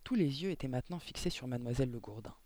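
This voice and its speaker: A man reading a children's novel aloud in a measured way, adding short explanatory asides. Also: mid-range voice, lively intonation, mellow. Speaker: audiobook narrator.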